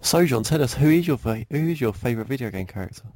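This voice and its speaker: A man's voice: medium pitch, expressive, quick pace, a little mellow, no echo. A man co-hosting a podcast, teasing the others in casual banter and stammering on restarts. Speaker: podcast co-host.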